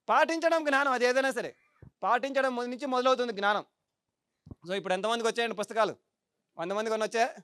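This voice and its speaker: A woman's voice: fairly high pitch, clean tone, no room sound, clean studio sound. A middle-aged woman meditation teacher giving a spiritual talk to a live audience, emphatic and full of rhetorical questions.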